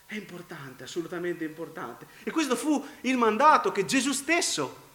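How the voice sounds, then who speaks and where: A congested man preaching a sermon, clearing his throat now and then. His voice sits high and sounds bright and forceful as it rings around an echoey room. He hammers phrases by repeating them, then drops low and quiet. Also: animated, normal speed. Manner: dramatic swings from loud emphasis to low near-whispers, repeating phrases.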